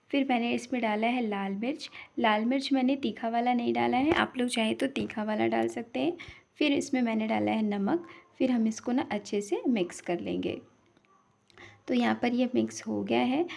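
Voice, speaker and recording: Woman, recipe voice-over, step-by-step, gravelly fry. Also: fairly high pitch, darkish tone. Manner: step-by-step, easygoing explaining. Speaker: vlogger.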